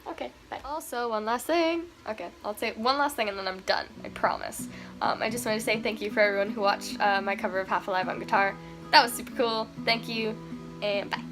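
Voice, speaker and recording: A young woman talks through a casual ukulele lesson, her high voice scratchy and cracking from a cold. She chats and apologizes as she goes, at home. A ukulele plays clearly behind her. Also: fairly even intonation, brisk, a bit bright, soft background music. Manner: chatty and apologetic. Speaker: ukulele tutorial vlogger. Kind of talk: casual music tutorial. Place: home room with air conditioning. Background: her own ukulele playing.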